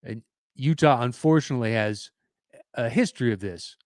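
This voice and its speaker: A man's voice: medium pitch, moderate pace, a little mellow, no room sound, studio quality. A man hosting a podcast, giving opinionated solo commentary in a conversational way with fillers and restarts. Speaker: podcast host.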